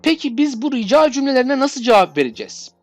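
A woman with a Turkish accent teaching English requests, reading each English phrase slowly and clearly before explaining it. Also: high-pitched, big pitch swings, dry recording, faint music behind.

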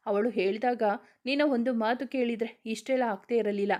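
A woman's voice: on the high side, fairly even intonation, moderate pace, mellow, natural voice. A woman voicing a young man, an earnest and protective older brother who blames himself. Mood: remorseful. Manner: earnest, self-reproaching.

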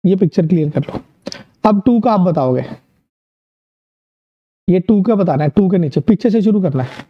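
A man's voice: high voice, expressive, moderate pace, pauses often, breathy edge, highs cut off. A man with an Indian accent teaching an online maths lesson, upbeat and encouraging, asking questions and answering them himself.

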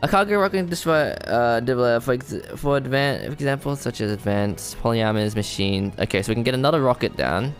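A man giving casual let's-play commentary, thinking aloud, excitable and self-deprecating as he works things out. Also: mid-range voice, fairly quick, hardly any pauses. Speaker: gamer playing a strategy game. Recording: faint game music behind.

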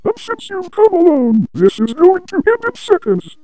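A woman's voice: very high voice, sing-song, normal speed, warm tone, no room sound, low-quality recording. Woman playing a pompous villain overlord. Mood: scornful. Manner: pompous, theatrical threats. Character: arrogant male villain overlord, vengeful and pompous. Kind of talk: amateur fan audio drama. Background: background music.

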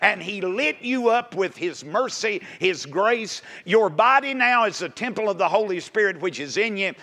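High, bright-voiced preacher man. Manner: folksy preaching, rising to emphatic exhortation. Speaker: pastor. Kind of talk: sermon. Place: church sanctuary, nearly empty.

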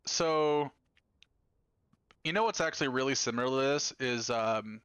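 A man live-streaming a game, chatting casually with viewers, profane and excitable. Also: medium pitch, a little slow, clean tone, dry recording. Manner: profane, excitable, talks to chat. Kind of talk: casual live gameplay chat.

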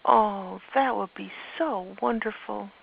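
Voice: high-pitched, very animated, unhurried, breathy edge, voice pushed up, full character voice. Woman doing a breathless, delighted little girl. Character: excited little girl discovering butterflies. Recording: muffled with faint hiss.

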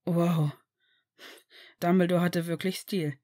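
A woman's voice: on the low side, fairly even intonation, slow, dark tone. Woman voicing a laid-back teenage wizard boy. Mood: easygoing. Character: young male schoolboy wizard, casual and laid-back. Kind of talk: audiobook character reading.

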